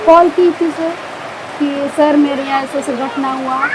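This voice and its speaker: A young widow quietly recounting a killing she witnessed, speaking softly and haltingly and repeating herself. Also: sits high, steady tone, background noise. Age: young adult. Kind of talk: tearful eyewitness account.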